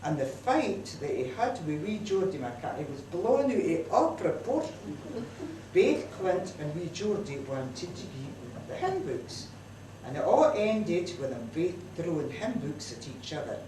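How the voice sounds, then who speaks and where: A woman with a broad Scottish accent tells a comic story as a mother's letter, her pitch swinging up and down in a lively way. She sounds set back from the mic in a roomy community hall, with clear background noise around her. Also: a little slow. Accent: Scottish, broad Scots. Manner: lively, chatty Scots dialect delivery. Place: community centre hall, live audience. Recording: distant, roomy live hall recording with noise.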